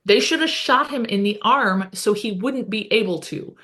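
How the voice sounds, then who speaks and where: A woman's voice: mid-range voice, normal speed, pushed and bright. A woman co-hosting a podcast, recapping a TV episode in casual chat full of fillers and self-corrections. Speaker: podcast co-host.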